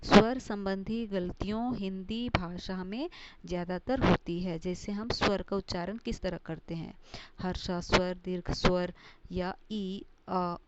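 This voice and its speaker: Woman teacher, slow deliberate lesson delivery, repeats every point, dull lo-fi recording with steady hiss. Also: mid-range voice. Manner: repeats each point and glosses terms with English words. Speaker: Hindi teacher. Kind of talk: slow classroom grammar lesson.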